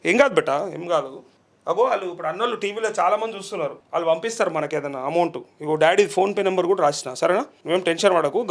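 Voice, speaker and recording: Man, journalist, gravelly voice, coaxing tone, repeats answers back. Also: high-pitched. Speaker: journalist interviewer. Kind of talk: on-the-spot interview.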